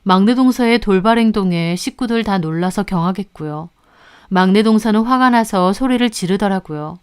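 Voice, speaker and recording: A woman tells a family drama in the first person, narrating steadily and calmly. Her voice is smooth and clear at an ordinary pitch, with an even storytelling pace. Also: normal speed. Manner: calm storytelling. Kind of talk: scripted narration.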